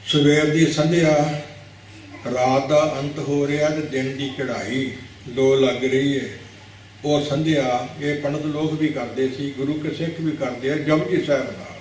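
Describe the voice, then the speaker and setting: A man's voice: medium pitch, fairly even intonation, a little slow, darkish tone, a little hiss or hum. Male preacher, scripture discourse, didactic, repeats words, heavy hall echo, distant mic. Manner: rhetorical questions to the audience. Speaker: Sikh preacher giving katha. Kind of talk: religious discourse explaining scripture.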